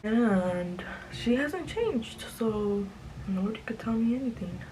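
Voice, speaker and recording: A young adult woman chatting confessionally in a laid-back stoner drawl, slangy and sweary, with a gravelly fry to her voice. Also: fairly high pitch, lively intonation, slow, warm tone, a little hiss or hum, rough recording. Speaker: vlogger. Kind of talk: confessional casual chat.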